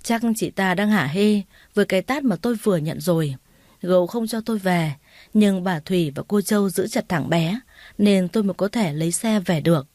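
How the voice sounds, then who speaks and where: A woman's voice: mid-range voice, moderate pace, no room sound. Dry-voiced woman narrating a story. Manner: steady, hurt and reflective storytelling. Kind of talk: first-person story narration.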